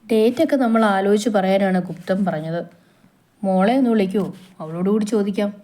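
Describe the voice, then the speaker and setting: A woman reading the part of a middle-aged father, a calm but stern family head who speaks in a measured, firm way. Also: mid-range voice, close to an everyday voice.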